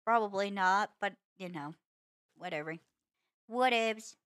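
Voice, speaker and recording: A woman streamer talks over her gameplay at a slow, easy pace, musing aloud as she builds. She is soft-spoken and self-mocking, often stumbling over a word and repeating it. Her voice sits mid-range and sounds dry and close. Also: medium pitch, no room sound. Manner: muses aloud, repeats and trips over words. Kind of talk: casual gameplay commentary.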